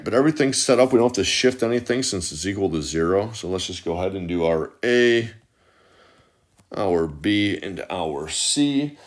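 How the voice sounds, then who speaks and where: A man teaching math as a voice-over, walking methodically through each step out loud. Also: on the low side. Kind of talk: step-by-step tutorial narration.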